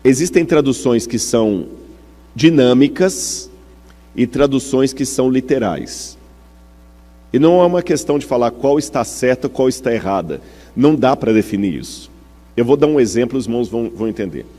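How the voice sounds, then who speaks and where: A man's voice: medium pitch, animated, moderate pace, dark tone. A man with a Brazilian Portuguese accent preaching a teaching sermon to a congregation. He explains step by step and often checks in with his listeners through questions. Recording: long hall reverb.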